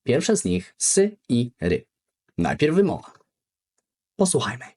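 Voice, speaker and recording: Slow, animated male language teacher. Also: medium pitch. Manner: repeats each word slowly for practice, very lively intonation. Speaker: English teacher. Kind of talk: beginner language lesson.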